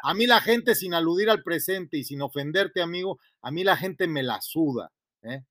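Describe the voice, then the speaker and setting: A man's voice: a little high, lively intonation, moderate pace, fairly bright tone. A man in a heated argument, brash and repetitive, swearing and talking over the other person.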